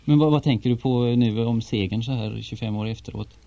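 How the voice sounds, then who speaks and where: A man interviewing a guest in a radio studio, asking plain questions in a relaxed way. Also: medium pitch, creaky, dry recording, lo-fi sound.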